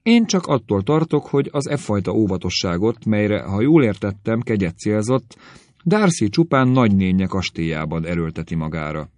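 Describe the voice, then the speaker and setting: A man voicing a smooth, ingratiating young male officer in a read-aloud novel, low-voiced and lively in pitch. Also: no room sound. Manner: ingratiating, guarded.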